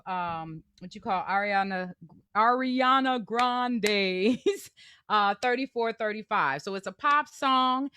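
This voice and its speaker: A vocal coach runs a live online singing masterclass, explaining exercises in an encouraging, chatty way and singing demonstrations. Her voice is a little high, pushed and bright, recorded in studio quality with no echo.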